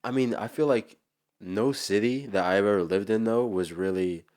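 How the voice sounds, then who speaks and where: A man's voice: lowish voice, moderate pace, darkish tone. A man with a New Jersey accent, chatting casually and in a slangy, rambling way as a musician being interviewed.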